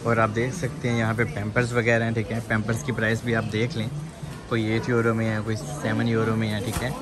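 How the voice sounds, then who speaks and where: This man's voice is on the low side, completely flat and fairly quick, with music playing behind. He chats casually to viewers through his phone camera while walking a large indoor mall supermarket, greeting them as "janab" and often repeating "theek hai" over the noisy store background.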